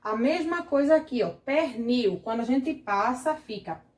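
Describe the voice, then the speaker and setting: A Brazilian woman teacher with a rather high voice talks children through a grammar lesson. She goes slowly and patiently, checking in with the class after each step. The room around her is echoey. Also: animated, darkish tone. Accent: Brazilian Portuguese. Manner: patient, explains slowly, keeps asking the class "certo?". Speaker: primary school teacher.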